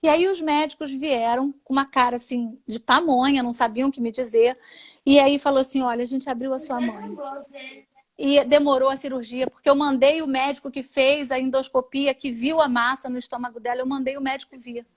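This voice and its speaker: Brazilian woman, high voice, telling her faith story to an interviewer, lively, acts out everyone she quotes. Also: a little fast. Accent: Brazilian Portuguese. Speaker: guest sharing a testimony. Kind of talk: emotional personal testimony.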